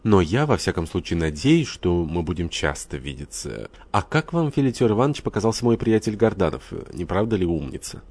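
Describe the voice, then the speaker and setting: A man's voice: low-pitched, very animated, a little fast, few pauses, a little mellow, husky, heavily acted. A man reading a restless young host who keeps pressing his guests with questions. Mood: coaxing. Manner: insistent, coaxing. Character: restless young male host, eager and chatty.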